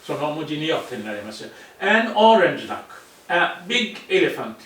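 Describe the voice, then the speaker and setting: A man, a non-native speaker whose first language is Arabic, teaching a language lesson and slowly repeating phrases with frequent self-corrections. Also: on the high side, big pitch swings, a bit bright. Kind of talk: slow, repetitive language lesson, mixing English and Japanese. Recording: echoey room, voice far from the mic.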